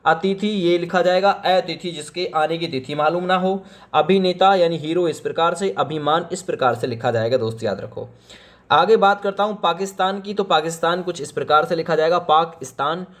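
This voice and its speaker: A man teaching Hindi spelling for exam preparation, repeatedly telling viewers to pause the video and look carefully. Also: a little high, a bit bright. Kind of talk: exam-prep spelling lesson.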